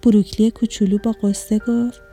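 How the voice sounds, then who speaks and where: A woman narrating a children's story in an expressive, gentle storytelling voice. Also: mid-range voice, soft background music.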